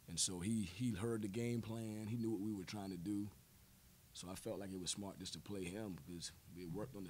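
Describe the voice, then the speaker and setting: Coach guy at a post-game presser, lowish voice, lots of you know and restarts, table mic, bit of hum behind. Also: a little mellow. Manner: measured, repeats words and uses many fillers. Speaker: head basketball coach. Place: press room with backdrop, seated at table. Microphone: table mic on stand.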